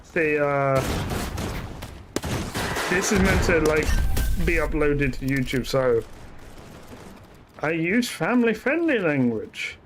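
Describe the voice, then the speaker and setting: A man's voice: on the high side, animated, takes it slowly, long pauses, noisy background. A man giving casual, rambling commentary while streaming a shooter game, often correcting himself mid-sentence. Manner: chatty, rambling, self-correcting asides.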